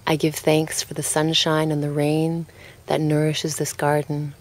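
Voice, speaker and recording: Leading a scripted meditation, a low-voiced woman speaks gently and calmly. Her unhurried narration of the relaxation leaves pauses between its short phrases.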